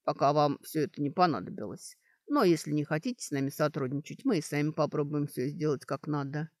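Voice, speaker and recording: A protective young male student, as a woman reading a story voices him, speaking in a pointed, knowing way in her own dark, lively voice. The sound is dry. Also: low voice, a little fast, no echo. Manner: pointed, meaningful.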